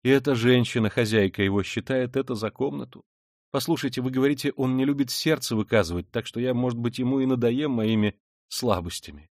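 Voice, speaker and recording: A man's voice: medium pitch, fairly quick, darkish tone, dry recording, natural voice. Fussy, frightened older mother, breathless exclamations, rambling; male reader plays her, dry read. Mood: gushing.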